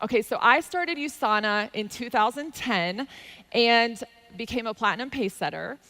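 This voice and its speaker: A woman's voice: a little high, animated, normal speed, pushed and bright. A woman with a Southern US accent, telling her experience in a casual, enthusiastic panel talk with lots of fillers. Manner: chatty and enthusiastic, with many "like" fillers. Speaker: company representative sharing her experience.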